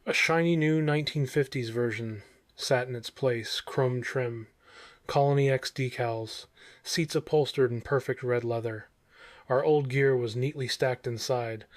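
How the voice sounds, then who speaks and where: A man's voice: medium pitch, fairly even intonation, unhurried, no echo. A man narrating a scripted horror story in the manner of a vintage horror narrator, in short, suspenseful phrases.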